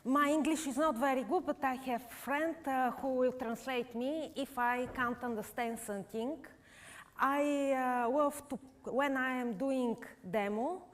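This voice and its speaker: A Bulgarian woman painter with a Bulgarian accent and Bulgarian as her first language, demonstrating live before an audience. She speaks in halting, simple English with many pauses. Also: high-pitched. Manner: halting non-native English with frequent uh pauses.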